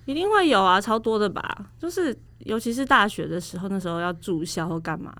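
A woman with a Taiwanese accent chatting casually as a podcast co-host, explaining things and gently objecting. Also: medium pitch, lively intonation, brisk, no room sound. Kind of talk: casual chat.

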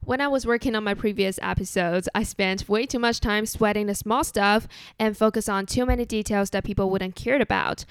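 A young woman with a Chinese accent hosts her own solo podcast, speaking calmly, earnestly and conversationally in a relaxed, measured way. Her smooth, clear voice sits at middle pitch, recorded close and dry with no room sound.

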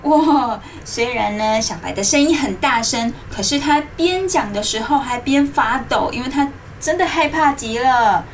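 A woman hosts a children's story programme, reading as if to a toddler, in animated simple phrases with coaxing questions. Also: sits high, moderate pace, few pauses, distant mic, slight background noise. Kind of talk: interactive storytelling to young children, asking questions. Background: music.

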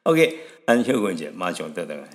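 A man from Taiwan hosting a radio show, telling stories in a rambling, relaxed way with frequent chuckles and tag particles. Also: low-pitched, fast talker, big-room sound. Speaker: radio host. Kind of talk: chatty radio storytelling. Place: radio studio.

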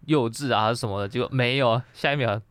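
A man's voice: mid-range voice, brisk, fairly bright tone, smooth, dry recording. A young adult man with a Taiwanese Mandarin accent, co-hosting a podcast in casual chat. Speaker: podcast co-host. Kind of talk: casual chat about anime and pop culture.

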